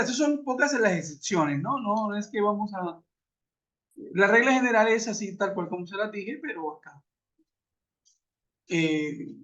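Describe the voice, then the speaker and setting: High-voiced man teaching an online class. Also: fairly bright tone. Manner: patient explaining, with rhetorical questions. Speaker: English teacher. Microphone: computer mic on a video call. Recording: muffled web conference audio.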